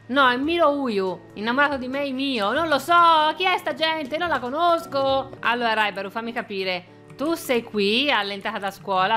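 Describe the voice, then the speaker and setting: A woman's voice: a little high, a bit bright. A woman giving playful, theatrical gameplay commentary as a YouTuber. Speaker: gaming YouTuber.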